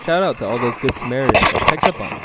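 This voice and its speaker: A young man narrating his own mountain biking video in a deadpan, joking voice-over. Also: medium pitch, very fast, heavy background noise. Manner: deadpan jokey storytelling. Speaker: mountain bike vlogger.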